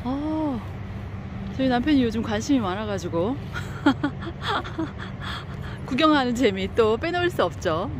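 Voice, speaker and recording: Touring a campground for her vlog, a chatty woman exclaims often in a slightly high, expressive voice at a slow pace. The casual narration was captured on a phone outdoors, and background noise is clearly present.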